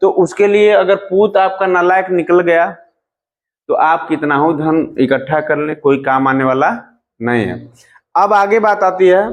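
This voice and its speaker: A man teaching a grammar lesson, asking and answering his own questions, calling students "beta" and reciting verse lines slowly. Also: sits high. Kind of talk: classroom-style grammar lesson.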